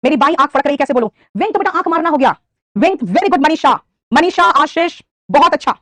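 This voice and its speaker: A woman with an Indian English accent runs an online live vocabulary class in a Hindi-English mix, quizzing students and praising them by name. Her voice is high-pitched, expressive, brisk and a bit bright, with no echo.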